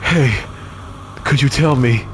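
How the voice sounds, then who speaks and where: A man voicing an exhausted, furious middle-aged man who yells and curses bitterly. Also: mid-range voice, slow pace, slight background noise. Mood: enraged. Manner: yelling, cursing and bitter.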